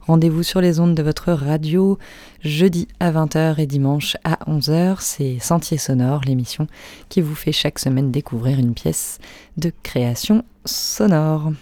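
A radio presenter reading a scripted announcement in a smooth, measured way. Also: medium pitch, dark tone, no room sound.

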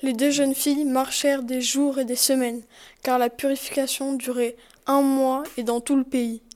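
A woman's voice: high voice, little pitch movement, normal speed, a little mellow. A woman reading story narration and announcing the chapter titles.

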